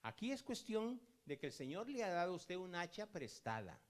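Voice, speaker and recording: A male pastor preaching a sermon in a calm storytelling way, acting out the lines of the people in his stories. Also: high-pitched, moderate pace.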